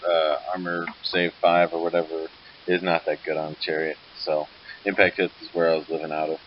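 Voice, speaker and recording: A man casually recapping a tabletop wargame turn by turn, rambling and correcting himself, sleepy and yawning. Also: sits low. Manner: rambling, loose, self-correcting. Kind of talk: casual battle report narration. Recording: dull lo-fi recording with faint hiss.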